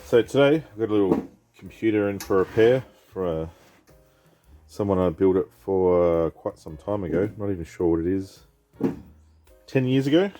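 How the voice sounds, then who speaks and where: Nursing a head cold, this PC repair vlogger talks through his work on a computer in loose, rambling commentary, reading on-screen text and musing aloud. The voice is low-pitched, mellow and expressive, at a moderate pace.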